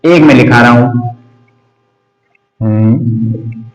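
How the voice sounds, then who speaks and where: A man teaching English grammar in Hindi, explaining slowly and repeating lists aloud while he writes. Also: mid-range voice, faint music behind. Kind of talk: classroom grammar lesson. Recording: echoey room.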